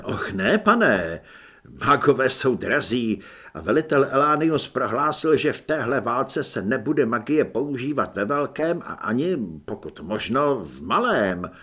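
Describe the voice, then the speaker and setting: A man voicing a flustered, formal middle-aged newspaper man in an audiobook, speaking loudly with exasperation. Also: mid-range voice, sing-song, slightly rough. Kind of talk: audiobook character voice.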